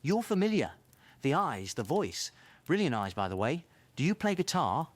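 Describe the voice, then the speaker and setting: A man playing an excitable, eccentric time traveller in a fan audio drama, rambling theatrically to himself. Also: a little high, moderate pace, dry recording. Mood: curious. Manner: theatrical, rambling self-talk.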